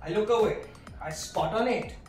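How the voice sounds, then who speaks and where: A woman teaching a dance routine, counting beats and breaking down each move while she demonstrates, a little breathy from dancing. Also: mid-range voice, normal speed, darkish tone, recorded from a distance. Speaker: dance instructor. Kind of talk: choreography tutorial. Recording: echoey room, voice off-mic, faint music.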